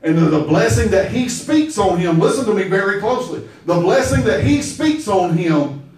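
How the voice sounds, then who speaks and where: Pastor, emphatic sermon, high voice, booming echo, distant mic. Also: male voice, animated, normal speed, a little mellow. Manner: emphatic, call-and-response, storytelling. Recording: very echoey hall, mic far off.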